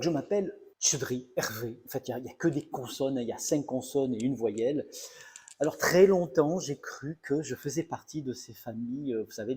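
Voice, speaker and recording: A man's voice: medium pitch, mellow, husky. A middle-aged male comedian telling a self-mocking story in a mock-serious, playfully exaggerated comic monologue.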